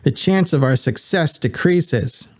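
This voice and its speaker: Man doing a monotone female robot. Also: fairly high pitch, unhurried, pitched above the performer's own voice. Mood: flat impatient. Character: cool sharp-tongued female robot.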